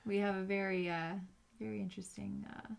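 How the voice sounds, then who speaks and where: A woman co-hosting a live board game stream, chatting casually with quick interjections and frequent giggles. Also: mid-range voice, steady tone, creaky, clear, resonant tone. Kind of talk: casual chat while playing a board game.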